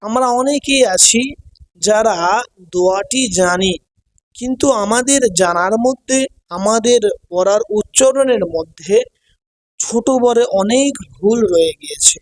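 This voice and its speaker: A religious teacher leading a slow call-and-repeat prayer recitation lesson, drawing out each syllable patiently for viewers. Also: mid-range voice, slight background noise, low-quality recording. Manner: patient, instructive tone addressing viewers.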